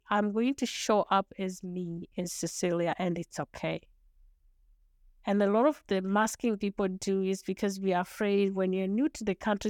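Speaking with a Zimbabwean accent, this Shona-speaking lawyer reflects on her life as a podcast interview guest. She comes across as earnest and thoughtful, with frequent restarts and small laughs. Her mid-range voice is a little mellow and clean, recorded in a studio with no room sound.

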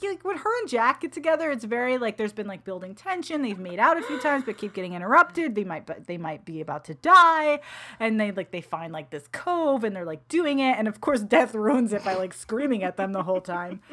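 Animated, foul-mouthed woman. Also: a little high, a little fast. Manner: animated, profane, laughs often while retelling. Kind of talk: casual book chat.

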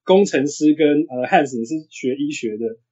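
A man in his thirties with a husky voice, chatting casually as a sports podcast guest. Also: fairly high pitch, expressive, moderate pace, dark tone. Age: 30s. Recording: dull, lo-fi audio.

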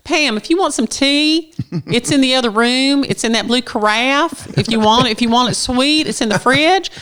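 A sweet young Southern woman with a Southern US accent, as a woman puts her on, her voice pitched well above the speaker's own. Every phrase lilts upward at the end, as if each were a question. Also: normal speed, fairly bright tone, clear, resonant tone. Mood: sweet, helpful.

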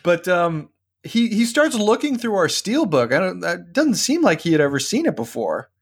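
A man hosting a podcast, telling a rambling, animated anecdote with lots of restarts in a casual chat. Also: high voice, moderate pace, breathy edge. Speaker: podcast host.

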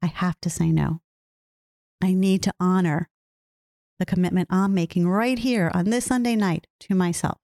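A woman's voice: on the low side, steady tone, normal speed, darkish tone, dry recording, studio quality. A woman hosting a solo podcast, talking earnestly and reflectively, often repeating phrases and asking herself questions. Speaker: podcast host.

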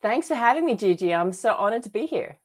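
Talking fast in a fairly high, very animated voice, an Australian woman shares personal stories as a guest on a podcast. She's an author and filmmaker, and she speaks earnestly and emphatically in this conversational interview.

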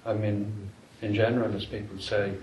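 A man's voice: on the low side, level tone, moderate pace, a little mellow, muffled recording. A middle-aged man from Galway with a west of Ireland accent, sharing reflectively in a group discussion. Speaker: audience participant. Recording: distant mic, echoey room, background noise.

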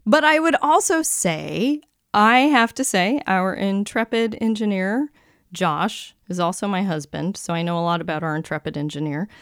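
A woman co-hosting a casual chat about dictionaries, lively and quick with jokes and asides. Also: medium pitch, no room sound, clean studio sound. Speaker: podcast co-host, lexicographer.

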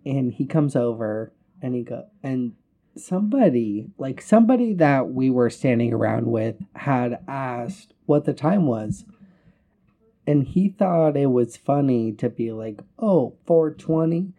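A man's voice: medium pitch, sing-song, a little slow, narrow, tinny audio. A man hosting a casual podcast, telling a heated, profane workplace story and acting out the quotes. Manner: recounts quotes with emphasis. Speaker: podcast host.

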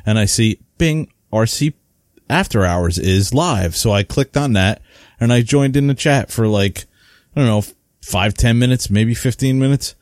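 A man co-hosting a hobby podcast chats casually, telling rambling, animated stories full of fillers. His mid-range voice moves a little slowly, recorded in a clean studio with no room sound.

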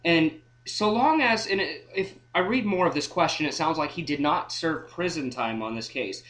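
A man with a nasal, slightly higher-pitched voice co-hosts a casual legal advice podcast. He is a defense lawyer who lays out the law matter-of-factly and drops in the occasional joke. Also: expressive, normal speed, a bit bright. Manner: matter-of-fact, joking asides. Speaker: criminal defense lawyer co-host.

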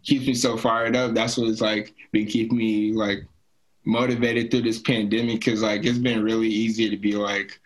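A man's voice: on the low side, flat delivery, normal speed, low-quality recording. A young man, a college football player, talking casually on a podcast, laid-back and full of "like". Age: young adult. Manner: laid-back, heavy use of "like".

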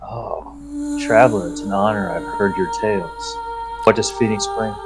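A man's voice: fairly low pitch, normal speed, creaky, over music. A man playing an earnest, loyal lone werewolf messenger in a tabletop game, speaking formally and respectfully. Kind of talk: tabletop role-play character acting.

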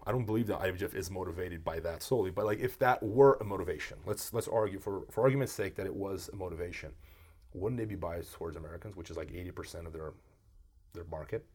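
A man who grew up in Brazil talks quickly and emphatically in a casual conversation. His voice sits low and has a husky edge. He acts out quoted lines as he makes his point. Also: a little mellow.

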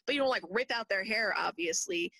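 A young woman in casual chat, animated, acting out quotes and laughing often. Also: on the high side, fairly quick, creaky, no echo, rough recording. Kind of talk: casual chat about a reality show.

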